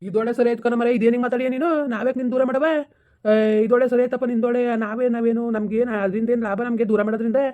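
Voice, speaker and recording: A man's voice: very high voice, little pitch movement, very fast, phone-quality sound. A man playing a stern but caring village elder who lectures. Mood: scolding. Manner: scolding, lecturing, then soothing. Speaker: elder villager in a comedy skit.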